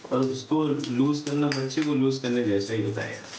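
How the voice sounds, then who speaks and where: A man's voice: medium pitch, normal speed, reverberant, noisy background. A man casually chatting as he cooks, mixing in English phrases and humming or singing bits of song. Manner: chatty, mixes Hindi with English phrases, sings snatches while cooking. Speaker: vlogger cooking at home. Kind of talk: casual cooking vlog chat. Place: home kitchen.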